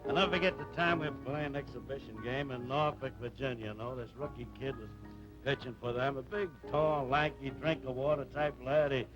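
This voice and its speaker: An actor playing a jovial team manager who tells a baseball story with chuckles in a 1950s TV drama. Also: male voice, mid-range voice, fairly even intonation, a little fast, close to an everyday voice. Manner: chatty, laughing storyteller. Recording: dull old TV broadcast with music.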